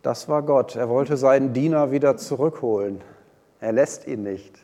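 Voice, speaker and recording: A man preaching a sermon, retelling a Bible story with lively swings between loud and hushed delivery. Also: mid-range voice, normal speed. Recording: long hall reverb.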